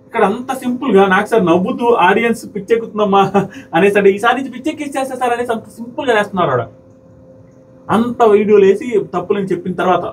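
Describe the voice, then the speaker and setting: Male commentator, high and rapid, argumentative, acts out quotes; slightly distant mic with faint ambience. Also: a little hiss or hum. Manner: heated, argumentative, mimics quoted speakers. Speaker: commentator reviewing a reality show episode. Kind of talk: fast opinionated commentary to viewers.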